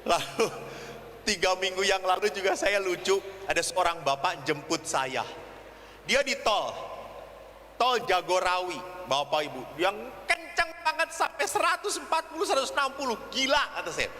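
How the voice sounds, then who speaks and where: Lively high-voiced priest preaching. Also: male voice, moderate pace. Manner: humorous anecdotal storytelling; acts out voices in the stories. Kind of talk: sermon. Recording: reverberant hall with faint noise.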